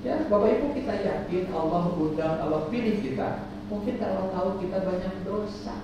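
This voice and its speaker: A man teaching a pilgrim group in a lively way, quizzing and joking with them and leading their chants. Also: sits high, moderate pace. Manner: lively, quizzes and jokes with the audience. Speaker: umrah guidance teacher. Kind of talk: religious instruction to a pilgrim group. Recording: echoey distant dull recording with noise.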